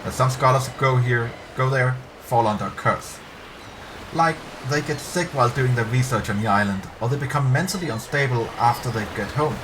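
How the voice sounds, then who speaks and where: In a story read aloud, a man voices a young woman archaeologist who is talkative, uneasy and confiding, speaking in an apologetic, hushed way. His medium-pitched voice is lightly acted at a moderate pace, with background ambience clearly audible.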